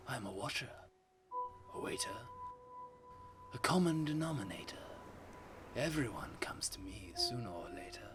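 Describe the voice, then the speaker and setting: A man playing Death as a calm, philosophical, darkly mocking watcher, speaking in hushed, deliberate rhyme. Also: mid-range voice. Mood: quiet, aloof. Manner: slow, deliberate, poetic, grandiose. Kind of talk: rhymed poetic monologue.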